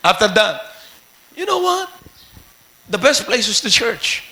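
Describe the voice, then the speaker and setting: A male pastor with a Filipino accent preaching an animated sermon, mixing Filipino and English and rising to shouts. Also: sits high, slow.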